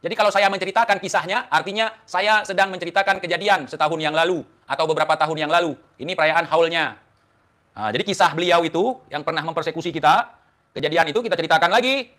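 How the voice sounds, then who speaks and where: A man's voice: on the high side, fast, bright, forceful tone. A man hosting an online talk show, delivering a defiant, taunting monologue to the camera full of rhetorical questions. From Indonesia.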